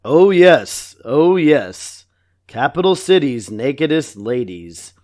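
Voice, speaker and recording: A man's voice: on the high side, very animated, slow, darkish tone. A man voicing a stiff school principal who hawks like a talking doll in stilted lines. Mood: flat hype. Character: stiff doll-voiced school principal reading strip club hype.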